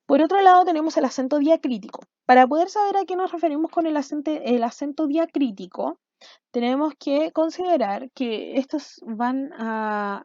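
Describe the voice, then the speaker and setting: A woman teacher explains a language lesson for video, often checking in with her students with quick questions. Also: high-pitched, dark tone, no room sound, dull audio.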